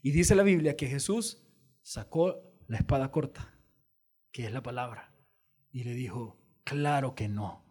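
A male pastor, preaching an animated sermon and addressing the congregation directly. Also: mid-range voice, unhurried, pauses often, slightly rough.

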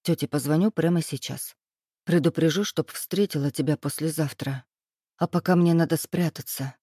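A woman voicing a quiet, cautious young woman friend who speaks softly. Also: deep voice, normal speed, husky, dry recording, clean studio sound. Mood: subdued.

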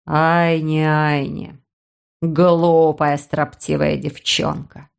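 A woman's voice: deep voice, flat delivery, drawn-out words, creaky, clear, resonant tone, voice pushed down, full character voice. A woman voicing a sarcastic, domineering man who mocks and hisses at his young sister, in a Russian audiobook. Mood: menacing. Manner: mocking, hissing.

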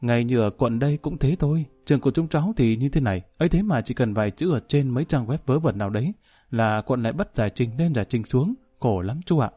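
A man's voice: medium pitch, expressive, fast, mellow, breathy edge. A man reading an earnest young teacher. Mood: persuasive. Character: earnest young woman teacher, chatty and persuasive.

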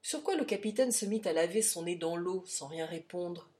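Brief: woman audiobook narrator, first-person classic novel, steady and expressive. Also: fairly low pitch, normal speed. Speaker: audiobook reader.

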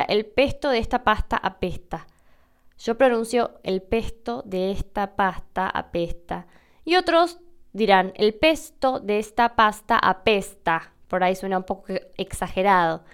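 A young adult woman from Argentina with an Argentine Spanish accent, hosting a podcast and explaining pronunciation slowly and carefully. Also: a little high, clean tone. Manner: slow, careful demonstrations of pronunciation. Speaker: podcast host answering listener questions.

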